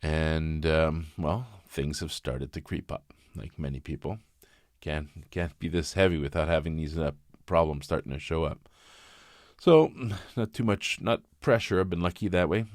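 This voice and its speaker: A man in his fifties talking candidly in a personal vlog, reflective and halting, often restarting his sentences. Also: very deep voice, no room sound, clean studio sound. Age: 50s. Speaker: vlogger.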